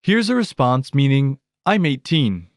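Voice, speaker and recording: Reading scripted prompts for a language course, this male narrator keeps an even, orderly, unhurried rhythm while his pitch varies widely. The sound is close and dry.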